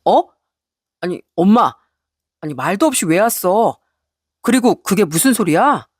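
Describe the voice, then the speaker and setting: A woman's voice: medium pitch, a little slow, slightly rough, no echo, clean studio sound. Lady putting on a flustered grown son, begging his mom to stop, voice goes up and down a lot. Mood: pleading. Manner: pleading, tries to calm his mother.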